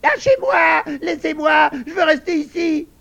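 A man doing a shrill little lying pig. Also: fairly quick, gravelly, dull audio. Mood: squealing. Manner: shrill, whiny, protesting. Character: squealing lying little green pig, male.

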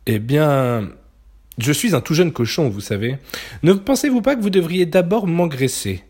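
A man's voice: on the high side, very animated, normal speed, darkish tone, husky. A man reading aloud, voicing a clever, polite young male piglet who talks in a sly, coaxing way. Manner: sly, courteous, wheedling.

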